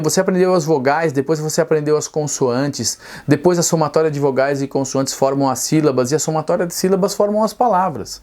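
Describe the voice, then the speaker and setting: A man's voice: on the high side, darkish tone. A middle-aged man teaching speed reading straight to camera, earnest and persuasive, asking rhetorical questions and answering them himself.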